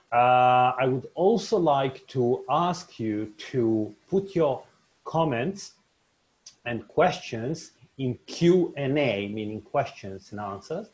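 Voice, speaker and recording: Slow-talking Serbian-accented man lecturing online. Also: mid-range voice, darkish tone. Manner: unhurried, with many filler sounds and restarts. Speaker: doctor giving a webinar lecture. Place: small home office with shelves. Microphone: video call, webcam.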